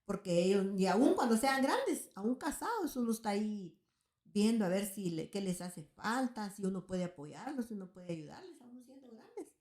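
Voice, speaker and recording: A woman's voice: mid-range voice, big pitch swings, normal speed, a little mellow. Earnest woman preaching in an echoey room. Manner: earnest, keeps asking "right?" of her listeners. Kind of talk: sermon-like teaching. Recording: roomy echo.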